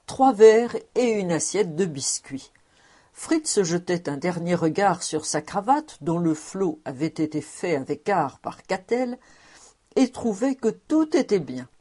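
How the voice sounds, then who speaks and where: Low husky woman narrating a novel. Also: lively intonation, measured pace, warm tone. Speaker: audiobook reader.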